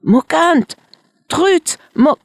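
A storyteller voicing a brave young male wanderer who loves his dogs, speaking earnestly and calling out loudly. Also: medium pitch, measured pace, dry recording, close to an everyday voice. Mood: shouting.

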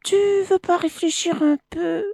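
A woman's voice: high-pitched, sing-song, measured pace, no echo, studio quality, voice pushed up. A woman voicing a gullible male crocodile in a storybook, coaxing and pleading with a friend. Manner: wheedling and coaxing.

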